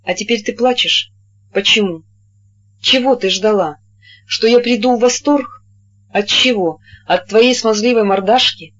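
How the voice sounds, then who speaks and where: A reader voicing a taciturn male artist who speaks bluntly in a calm, even voice, on a dull lo-fi recording. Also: mid-range voice, measured pace, noisy background, natural voice.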